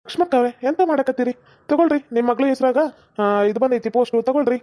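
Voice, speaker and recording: A woman's voice: high voice, fast talker, mellow, close to an everyday voice. A woman playing a chatty, nosy male village postman in a comedy sketch. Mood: teasing. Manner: nosy, teasing banter. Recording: slightly dull lo-fi recording.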